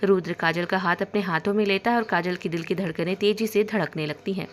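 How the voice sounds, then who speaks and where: A woman reading a romance story aloud as scripted narration, voicing the dialogue in her own voice with a slight lift in pitch. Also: fast talker.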